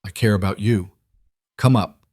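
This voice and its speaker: A man voicing a determined, defiant grown man in a read-aloud story, speaking in a firm, steady way. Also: on the low side, normal speed, no room sound, studio quality, natural voice. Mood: tender.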